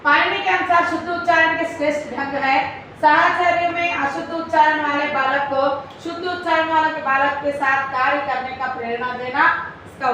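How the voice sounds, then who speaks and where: Woman teacher lecturing, high bright voice, quizzes the class, very echoey room, far from the mic. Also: slight background noise. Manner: explains points and quizzes listeners, switching between two languages. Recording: very echoey room audio, voice from a distance, faint ambience.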